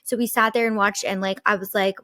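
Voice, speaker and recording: A woman's voice: mid-range voice, a little fast, no room sound, clean studio sound. A young woman co-hosting a podcast, telling a personal story in casual chat, full of "like" fillers. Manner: animated storytelling, lots of "like" fillers. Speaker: podcast co-host.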